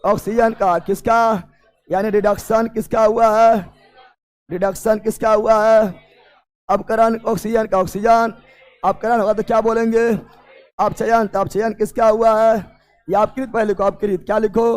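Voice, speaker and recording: A male teacher running a chemistry class, firing the same questions again and again and often shouting or half-singing. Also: sits high, level tone, measured pace, faint music behind. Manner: loud drilling questions, often shouting and sing-song. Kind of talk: classroom chemistry lesson with call-and-response.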